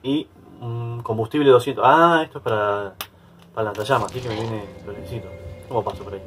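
A man's voice: medium pitch, quick pace, a bit bright, slight background noise. Jumpy Rioplatense man narrating his gameplay. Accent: Rioplatense Spanish. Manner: chatty, easily startled, yelps and laughs at scares. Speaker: gaming YouTuber. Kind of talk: casual let's-play commentary.

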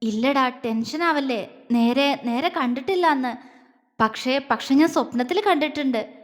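A woman voicing a tender young husband who speaks softly, stammering and halting. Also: high-pitched, in a large hall. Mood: trembling tender.

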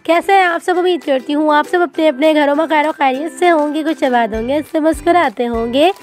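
A high-pitched woman talks through a recipe for her cooking channel in a chatty voice-over. She keeps filling gaps with the same little phrase, and there is soft music behind her. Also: brisk. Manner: chatty, leans on the filler "jo hai woh".

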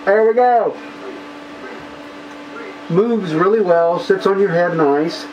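A man's voice: high voice, slow, darkish tone. A man casually reviewing a mask while wearing it, his voice muffled through the rubber, plainspoken and enthusiastic. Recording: air conditioning hum behind.

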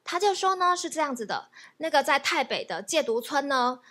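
A woman's voice: on the high side, breathy edge. A woman pastor telling a testimony in a sermon, laughing often as she tells it. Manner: lively storytelling, laughs often.

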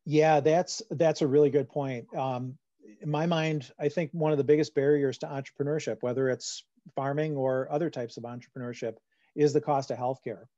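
Speaking over a video call from a home room, a man fields webinar questions on farm finances in a conversational manner full of fillers and restarts. His medium-pitched voice is warm and fairly even, at a moderate pace, and the computer mic produces dull lo-fi audio with no echo.

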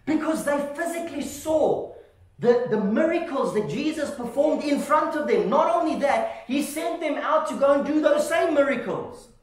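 A man preaching a sermon to his congregation, lively and animated, often calling them "family" and asking "Amen?". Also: extremely high pitch, normal speed. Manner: animated, calls listeners "family" and checks in with "Amen?". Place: church hall. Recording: echoey hall, voice from far off.

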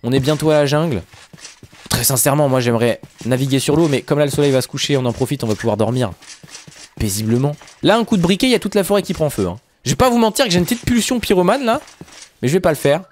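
A young man chatting casually to viewers while playing a survival game, animated, with high exclamations and drawn-out words. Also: slight background noise. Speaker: gaming video host. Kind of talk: casual Minecraft let's play commentary.

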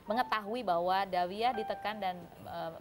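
A woman hosting a television talk show, asking quick probing questions. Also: mid-range voice.

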